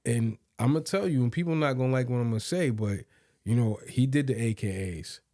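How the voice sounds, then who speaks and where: A man co-hosting a podcast in casual chat, relaxed and agreeable, often backing up his partner with short affirmations. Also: mid-range voice, fairly quick, no room sound, studio quality. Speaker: podcast co-host.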